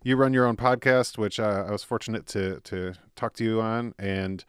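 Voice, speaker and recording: A man's voice: on the low side, fairly even intonation, normal speed, clean tone, no echo, studio quality. Chatty laughing male podcast host. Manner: chatty, laughs often, many fillers and restarts. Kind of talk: casual podcast interview.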